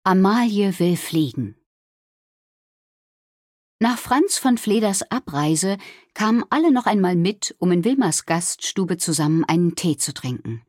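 A woman narrating a children's story in a lively, expressive storytelling voice. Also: on the low side, a little slow, husky, no room sound, clean studio sound. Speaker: audiobook reader.

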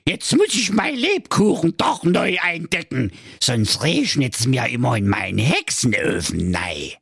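A man doing a raspy crabby old witch. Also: medium pitch, big pitch swings, a bit bright, dry recording, studio quality, pitched above the performer's own voice, exaggerated voice. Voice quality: raspy, creaky. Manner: slow, crotchety, drawn out.

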